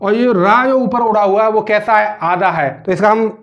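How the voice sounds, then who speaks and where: A man teaching a grammar lesson, asking questions and answering them himself and repeating words slowly as he spells them out. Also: sits high, lo-fi sound.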